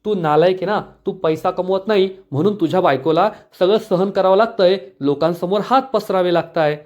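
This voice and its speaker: A man voicing a sharp-tongued young woman who mocks and scolds her family in a drama recap. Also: sits high, a little fast, close to an everyday voice. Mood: scolding.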